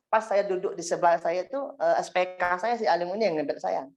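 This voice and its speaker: A man's voice: high voice, fast talker, darkish tone, soft background music. A man giving a spoken testimony to a congregation, telling his story in a rambling way with frequent asides to the listeners. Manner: rambling storytelling, frequent 'ya kan' and 'singkat cerita' asides. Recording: dull lo-fi recording.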